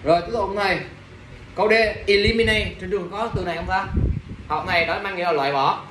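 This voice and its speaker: A young man teaches English vocabulary to a class, drilling words and firing questions at students. His voice sits high and he sounds worn out by their mistakes. The recording picks him up from across an echoey classroom, with a faint hum of room noise behind him. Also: fast, fairly bright tone, recorded from a distance. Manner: drills pronunciation, quizzes students, exasperated asides.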